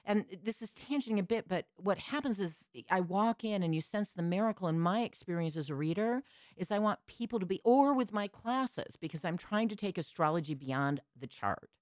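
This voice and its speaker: A woman's voice: mid-range voice, animated, normal speed, a little mellow, no room sound, studio quality. A woman astrologer and host explaining a chart in a frank, digressive way, often correcting herself. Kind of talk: conversational explanation.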